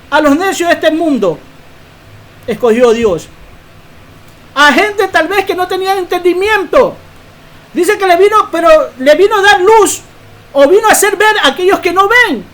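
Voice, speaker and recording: A woman preacher giving a Bible teaching sermon, emphatic and quick to ask rhetorical questions. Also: extremely high pitch, fairly bright tone.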